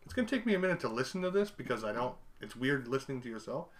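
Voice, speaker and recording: A man's voice: mid-range voice, big pitch swings, very fast. A man as a podcast guest, talking in a friendly way and repeating himself as he goes. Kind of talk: casual podcast chat.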